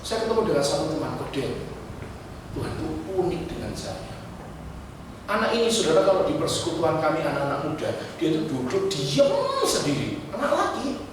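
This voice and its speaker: A man preaching a sermon, telling stories and urging his congregation with animated, shifting delivery. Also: on the high side, a little fast, background noise. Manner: animated storytelling, switching between pleading and urgent exhortation. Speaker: pastor. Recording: echoey church hall from far off.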